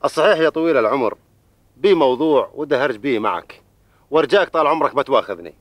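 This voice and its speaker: An actor playing an earnest middle-aged suitor in a television drama, speaking formally and respectfully with a Bedouin Arabic accent. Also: male voice, mid-range voice, expressive, fast talker, no echo, far from the mic, natural voice. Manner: deferential, formal.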